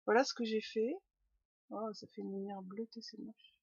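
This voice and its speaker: A woman's voice: mid-range voice, fairly even intonation, normal speed, vocal fry, breathy edge, no room sound, muffled recording. A woman hosting a knitting podcast, chatting casually to her webcam at home, rambling with lots of fillers and restarts. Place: home room.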